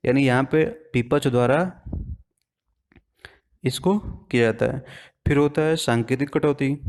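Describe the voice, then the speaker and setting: This teacher is a man whose middle-pitched voice has a darkish tone. Leading an exam-prep lesson, he goes step by step, repeatedly posing questions to the class and answering them himself.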